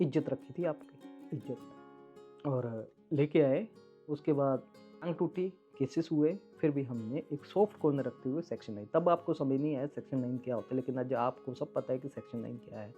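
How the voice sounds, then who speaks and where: With a medium-pitched voice and lo-fi sound, a man records an emotional vlog monologue for his followers. He sounds aggrieved and accusing as he speaks directly to his estranged wife.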